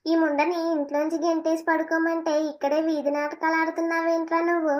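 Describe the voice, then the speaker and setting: A cruel mother-in-law hurls scolding insults in a cartoon family drama, voiced by a woman. The voice is very high and thin, and the delivery is flat with little melody. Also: fast. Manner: scolding, abusive.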